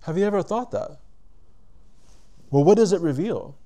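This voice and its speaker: A man's voice: sits high, animated, warm tone. Man giving a conversational religious lecture. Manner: conversational, poses questions to listeners; deliberate, stops to rephrase. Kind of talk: reflective Islamic lecture to a live audience. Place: lecture room with audience.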